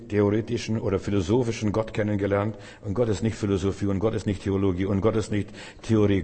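A man's voice: lowish voice, dark tone, long reverb tail. A male preacher delivering a sermon, speaking straight to the listener with repeated, emphatic phrases. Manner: addresses the listener directly as "du", repetitive, emphatic.

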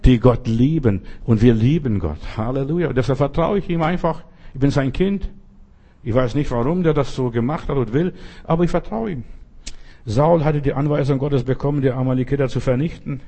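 A man's voice: medium pitch, brisk, mellow. A man preaching a sermon in an earnest, emphatic manner and retelling stories.

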